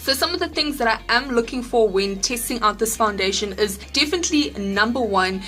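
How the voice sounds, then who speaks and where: A woman's voice: a little high, expressive, a little fast, sharp tone, soft background music. A woman beauty vlogger chatting casually to camera in an emphatic, opinionated, informal way. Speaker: beauty vlogger reviewing makeup.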